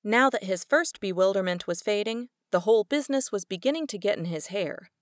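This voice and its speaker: A woman narrating a crime story as an audiobook reader, in a steady storytelling manner. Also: medium pitch, a little fast, no room sound, clean studio sound.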